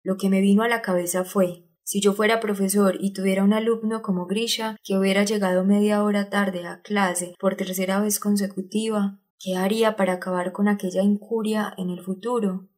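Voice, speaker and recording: A woman reads a book aloud as an audiobook narrator. Her voice sits at a middling pitch. The delivery is measured and even.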